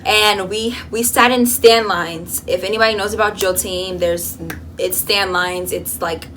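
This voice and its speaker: Bright-voiced young woman telling a story. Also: mid-range voice, unhurried, a little hiss or hum. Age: young adult. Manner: animated storytelling, lots of fillers. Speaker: vlogger. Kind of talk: casual chat. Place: college dorm room.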